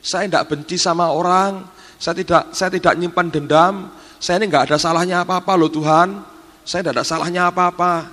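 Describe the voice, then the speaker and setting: A man's voice: sits high, fairly even intonation, fairly quick, fairly bright tone, pitched above the performer's own voice. A frightened old housemaid pleads in a thin, raised voice, as a male preacher puts her on. She sounds timid and anxious, the words echoing in a large church hall with a long reverb. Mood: frightened pleading.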